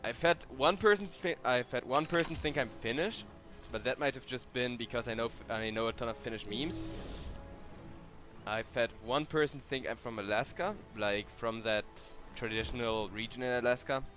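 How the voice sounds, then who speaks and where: Music plays in the background as a young esports caster from Germany, sounding tired, commentates a live game by himself and talks to viewers between plays. His voice is medium-pitched and his pace moderate.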